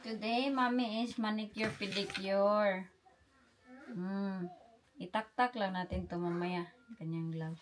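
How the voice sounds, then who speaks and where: A woman's voice: medium pitch, steady tone, slow pace, slight background noise. A young woman, a mother filming a casual family vlog and cooing and baby-talking to her infant. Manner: coos and baby-talks to an infant.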